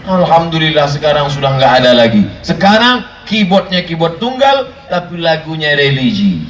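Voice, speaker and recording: A man with a high, bright voice preaching a joking sermon to a crowd that answers with laughter. He tells comic stories and slips into other voices and snatches of song. The recording is roomy and caught from a distance, with the gathering audible behind him. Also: very animated, moderate pace. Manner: jokey storytelling, acts out voices and sings snatches of songs. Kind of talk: humorous sermon to a live congregation. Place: large hall with congregation. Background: congregation laughing.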